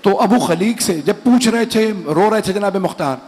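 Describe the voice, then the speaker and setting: A man's voice: sits high, moderate pace, darkish tone. A man, a cleric, delivering a mournful Muharram majlis sermon and speaking straight to his listeners. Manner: mournful, emotional storytelling that addresses the audience directly.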